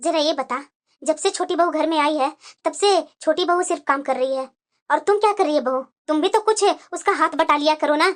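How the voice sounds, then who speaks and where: A woman's voice: high voice, brisk, voice pushed down, natural voice. A woman voicing a stern, bossy middle-aged mother-in-law in a cartoon, lecturing and scolding her daughters-in-law. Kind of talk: cartoon voice acting.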